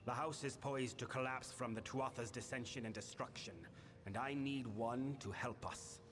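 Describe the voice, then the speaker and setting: An actor playing a solemn, imperious Fae lord in a fantasy game, speaking in a grave, measured, formal way. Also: male voice, mid-range voice, fairly even intonation, natural voice. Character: solemn, imperious male Winter Fae lord of a failing house. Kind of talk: scripted fantasy game dialogue. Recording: long hall reverb, background noise.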